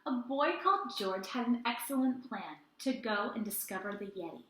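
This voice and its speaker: A woman teacher reading a story aloud and chatting to young children in an expressive way. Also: on the high side, moderate pace, a little hiss or hum. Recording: roomy indoor echo.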